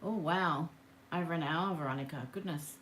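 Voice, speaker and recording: Woman, rambling live craft host, lowish voice, faint hiss, camera on the desk. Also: moderate pace, a bit bright. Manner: chatty, rambling, greets viewers by name. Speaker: craft demonstrator hosting a live session. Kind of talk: casual live craft demo chat. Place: home craft table. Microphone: camera on the work table.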